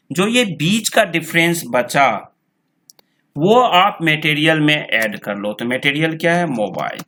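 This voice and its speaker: Bright-voiced male accounting tutor, slow and repetitive. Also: a little high. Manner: slow, repetitive explaining, reads figures out twice. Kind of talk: screen-recorded software tutorial.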